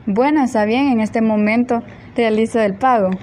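A woman's voice: a little high, normal speed, a little mellow. A woman speaking as a customer in a short, polite call conversation. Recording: some background noise.

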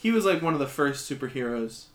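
Young adult, mid-pitched voice, dry wit, echoey room. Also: very animated, fast. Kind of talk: casual chat.

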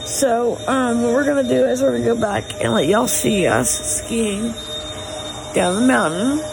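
A family vlogger with a Southern US accent chats casually to her viewers in an unhurried, gravelly voice. Her manner is drawling, folksy and encouraging, and the handheld recording is noisy with the rumble of a vehicle.

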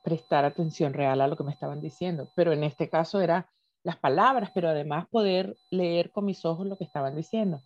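A Venezuelan woman in casual conversation, telling stories in an animated way and laughing often. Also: sits low, a little fast, no room sound, lo-fi sound.

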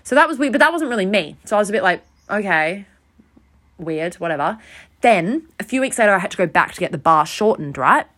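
A young woman hosting a podcast, telling a rambling, self-deprecating story in a casual, animated way. She sounds overtired. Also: mid-range voice, quick pace, few pauses. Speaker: podcast host.

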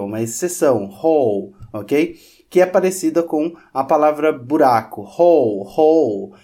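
A man's voice: on the high side, darkish tone. A man whose first language is Portuguese, teaching English pronunciation in a lesson and patiently repeating each example word several times.

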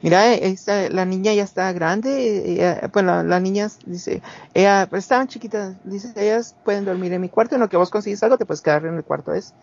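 A man's voice: high voice, fairly quick, gravelly. A man in his forties from Guatemala with a Guatemalan accent, telling personal stories in a casual, rambling way, full of restarts and acted-out quotes. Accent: Guatemalan Spanish. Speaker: guest. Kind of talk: casual storytelling. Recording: dull lo-fi recording.

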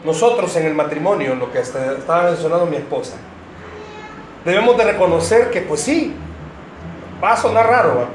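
A pastor preaching to married couples, joking and speaking directly to the congregation. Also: male voice, on the high side, animated, brisk, long pauses. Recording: roomy hall, faint noise.

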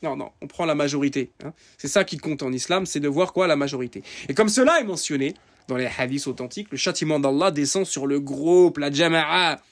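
A man's voice: on the high side, a little fast. Fiery, sarcastic male preacher. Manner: swings from loud emphatic outbursts to quiet sarcastic asides; sarcastic, repeats key phrases. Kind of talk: impassioned religious rant.

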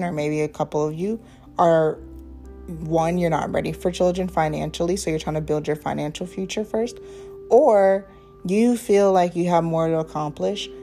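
Low-voiced young woman podcaster. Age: 20s. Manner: relaxed, rambling, with many ums and asides. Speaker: podcast host. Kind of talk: casual faith-based encouragement talk.

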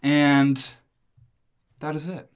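A man's voice: a little high, level tone, drawn-out words, clear, resonant tone. A man co-hosting a casual movie review podcast, joking and teasing often and laughing as he talks. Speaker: podcast co-host.

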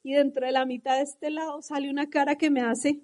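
A woman's voice: high-pitched, level tone, fairly quick, darkish tone. A middle-aged Colombian woman with a Colombian accent, passionately telling her story in a motivational talk to a live audience. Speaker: motivational speaker.

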